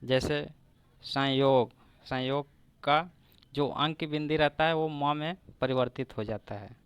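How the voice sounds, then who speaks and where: A man teaching grammar for competitive exams, walking through examples one at a time at an unhurried pace. His voice is clear and resonant, and it sounds close and dry with no room echo. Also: a little high, fairly even intonation. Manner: slow, repeating each example word by word. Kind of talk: exam-prep grammar lesson.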